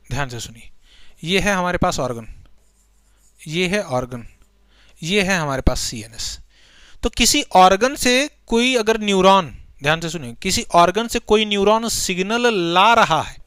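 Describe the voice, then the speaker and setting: High-voiced man teaching biology. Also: fairly bright tone, clean tone, no room sound. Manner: chatty, asks students questions then answers them, uses memory tricks. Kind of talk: exam-prep classroom lecture.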